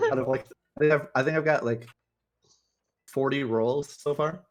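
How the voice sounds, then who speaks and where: A man chats casually as a player in a tabletop game. His voice sits at an average pitch for a man. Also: wildly swooping pitch, moderate pace. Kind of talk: casual chat.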